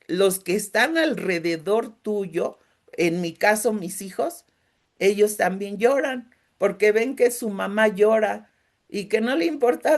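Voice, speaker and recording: A middle-aged woman speaks with a Mexican accent, and her mid-pitched voice carries a gravelly texture. She leads a faith-based grief workshop in a gentle, emotional way. She keeps checking in with her listeners as she talks. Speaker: grief support group leader.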